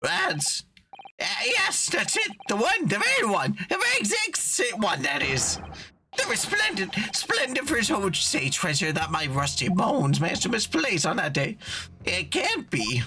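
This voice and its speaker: A man's voice: wildly swooping pitch, a little slow, bright, forceful tone, faint music behind, heavily acted. A man voicing a doddering, melodramatic old male antique shop owner, speaking in archaic, theatrical phrases while reading game dialogue aloud. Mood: flustered. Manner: theatrical, archaic phrasing, wild pitch swings.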